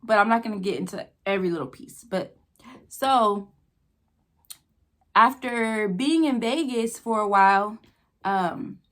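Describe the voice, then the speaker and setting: An American woman telling a casual, rambling personal story with halting pauses, talking between bites with her mouth sometimes full. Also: mid-range voice. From New Mexico, United States. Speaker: vlogger telling a personal story while eating.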